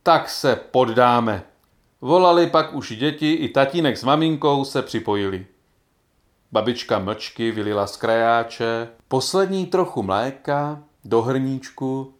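Man narrating a children's story, calm and even, average pitch.

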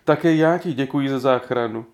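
A man's voice: mid-range voice, darkish tone, pitched above the performer's own voice, lightly acted. A man voicing an old grandfather who speaks with earnest, heartfelt gratitude in a storybook reading. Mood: moved. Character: moved, grateful old grandfather.

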